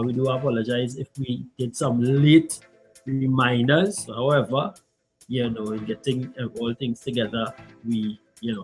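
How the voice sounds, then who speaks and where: Trinidadian man, co-host, mid-pitch voice, rambling easygoing chat, faint music behind. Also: poor audio. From Trinidad and Tobago. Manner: rambling, filler-heavy, easygoing. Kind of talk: casual chat show.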